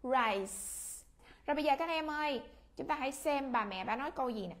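A woman with a Vietnamese accent leads a children's English class, her voice pitched high. She speaks patiently and repeats each word so the children can read along after her. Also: animated, a little fast. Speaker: English teacher.

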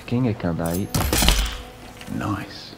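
A man's voice: low voice, takes it slowly, music in the background. A man with a European Portuguese accent giving casual gameplay commentary, chatting to the game and swearing when things get tense. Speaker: gaming streamer.

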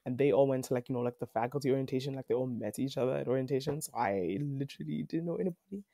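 Speaking very fast in a rumbling low voice, this young woman from South Africa rambles through a casual podcast interview. She restarts often and leans on fillers, though she livens up whenever she repeats what someone else said.

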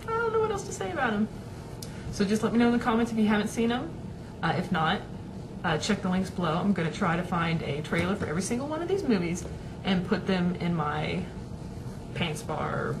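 A woman's voice: medium pitch, noisy background. Chatty young woman on a webcam. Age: young adult. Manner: rambling, chatty, many fillers and restarts. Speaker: vlogger. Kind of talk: casual webcam chat. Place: small home room, indoors. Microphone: webcam at desk.

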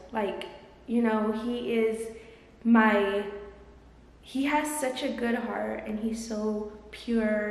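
A young woman vlogger chats effusively to the phone camera she holds at arm's length, her voice a bit high and a little mellow. She's indoors in a large, empty apartment whose bare rooms create heavy echo with a long reverb tail.

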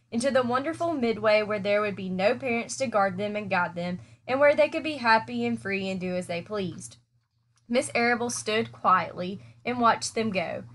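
A woman teacher reading a children's novel aloud with clear, expressive storytelling. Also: medium pitch.

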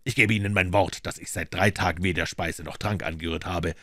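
Man reading as a calm clever detective, deep voice, dry sound, measured, audiobook. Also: dry recording. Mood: wry.

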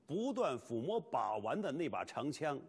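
A man's voice: mid-range voice, very animated, normal speed, breathy edge. A man in his forties presenting a scripted documentary to camera, telling it dramatically and with emphasis. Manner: emphatic, theatrical delivery. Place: TV studio. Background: background music.

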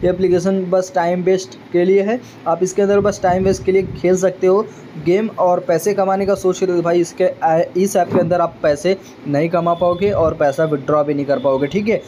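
A man's voice: sits high, little pitch movement, normal speed, warm tone, slight background noise. A man walking viewers through a mobile app in a casual, chatty way, often checking in with them and calling them brother. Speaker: tech YouTuber. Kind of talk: casual screen-recording app walkthrough.

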